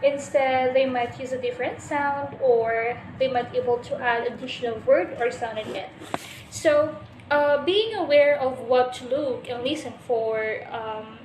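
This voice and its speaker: A high-voiced woman gives a class presentation as a student presenter. She explains step by step, pausing often and restarting her sentences. The recording has a roomy echo. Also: a little hiss or hum. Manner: explanatory, with many hesitations and restarts.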